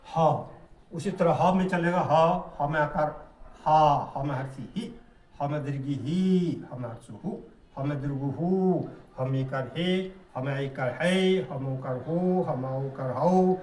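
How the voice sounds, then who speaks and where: A male teacher slowly reciting syllables one by one in a grammar lesson. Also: on the high side, a little mellow. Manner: deliberate, chanting syllables one by one. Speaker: Hindi teacher. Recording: echoey room, mic at a distance.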